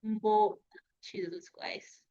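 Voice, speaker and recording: A woman hosting an online training session, greeting attendees one by one and pausing over how to say their names. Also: dark tone. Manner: unhurried, reading names aloud and pausing over pronunciations. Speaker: webinar host. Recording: dull lo-fi online call audio.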